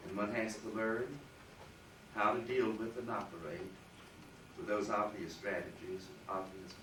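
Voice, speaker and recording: This philosophy lecturer has a fairly low voice and a flat, somewhat slow delivery, yet he leans hard on key words. The university lecture is captured from a distance in a large hall, with faint ambience and some background noise.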